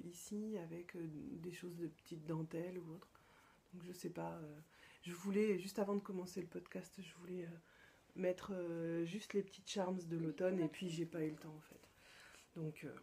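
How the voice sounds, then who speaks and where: Hesitant, mellow-voiced French woman host. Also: medium pitch, a little hiss or hum. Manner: hesitant, many fillers and restarts; drops to soft whispered asides. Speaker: podcast host. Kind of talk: casual show-and-tell chat.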